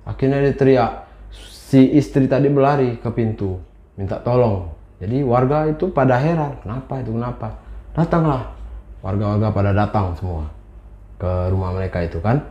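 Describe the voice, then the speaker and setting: Man telling a ghost story, mellow. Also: mid-range voice, normal speed. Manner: acts out quoted speech, many short phrases. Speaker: storyteller guest. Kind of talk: casual spoken horror storytelling. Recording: roomy, dull lo-fi sound.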